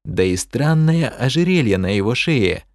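A man reading a fantasy audiobook in the first person, his voice at a middle pitch with lively rises and falls. He tells the story expressively. The sound is dry and close to the mic. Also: moderate pace, dry recording. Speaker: audiobook narrator.

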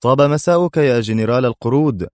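A cool secret agent hero with a mocking, unhurried way of speaking, as a male reader puts him on. He sounds amused and in control, never raising his voice. The voice sits fairly low and close, with a dry sound. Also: no echo, natural voice. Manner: mocking, calm, smug.

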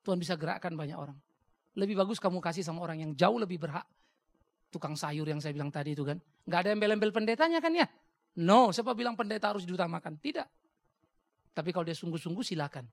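Male pastor, raspy, rapid and animated, blunt in his sermon answers. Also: no room sound. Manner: blunt, animated storytelling, jumps high for quoted voices.

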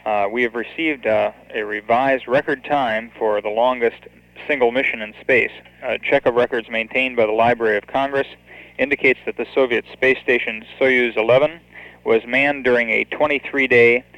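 American guy doing mission control updates, flat and measured, dull old roomy recording. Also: mid-range voice. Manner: measured, matter-of-fact delivery. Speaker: mission control public affairs announcer. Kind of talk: scripted mission status commentary. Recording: dull lo-fi 1970s NASA audio, roomy echo.

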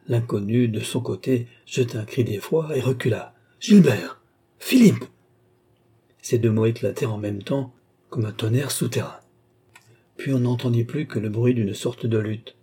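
A man narrating a classic novel as an audiobook in a measured, solemn reading. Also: mid-range voice, warm tone, slightly rough. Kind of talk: scripted literary narration.

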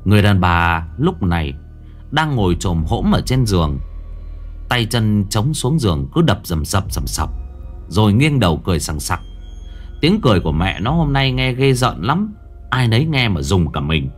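A man with a low voice tells a ghost story, his pitch rising and falling with lively drama. Faint music plays softly behind him. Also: moderate pace. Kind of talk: horror story narration.

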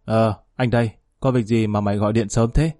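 A man voicing a scheming male gang boss giving gruff commands over the phone in a story reading. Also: fairly low pitch, fairly even intonation, brisk, warm tone, dry recording, faint music behind, natural voice. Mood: commanding.

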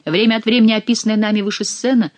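An audiobook narrator reading a classic novel aloud, dropping to a soft hush in tender passages. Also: medium pitch, steady tone, racing, dry recording.

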